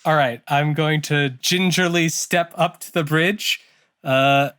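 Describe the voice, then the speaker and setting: A man playing a tabletop game, haltingly describing his character's actions as he thinks aloud. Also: fairly high pitch, steady tone, fairly bright tone, clear, resonant tone.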